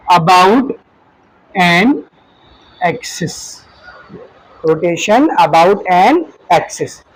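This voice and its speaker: High-voiced man teaching physics in class. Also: rough recording. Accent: Indian. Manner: asks the class questions and answers them himself, calls students "beta"; demonstrates with objects while explaining. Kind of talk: classroom lecture.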